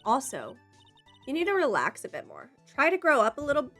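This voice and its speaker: A woman reading a calm young lawyer. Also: high-pitched, brisk, soft background music, exaggerated voice.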